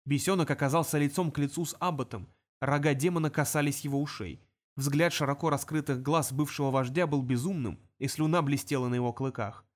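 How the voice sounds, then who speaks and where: A man reads a fantasy story aloud in an even, steady storytelling voice. His pitch sits slightly high for a man. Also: fairly quick. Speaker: audiobook narrator. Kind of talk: scripted narration.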